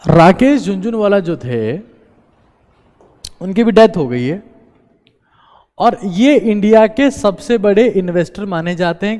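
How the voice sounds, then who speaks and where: A man's voice: high-pitched, a little mellow. A man giving a motivational talk to viewers, urging them on and repeating his key phrases. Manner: exhorting, repeats key phrases, mixes in English. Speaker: motivational speaker. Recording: long reverberant echo.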